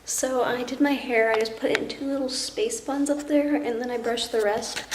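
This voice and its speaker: A woman's voice: fairly high pitch, fairly even intonation, moderate pace, echoey room, a little hiss or hum, low-quality recording. A woman vlogging casually to her own camera indoors at home, talking hesitantly with many fillers, heard through the camera's built-in mic as camcorder audio.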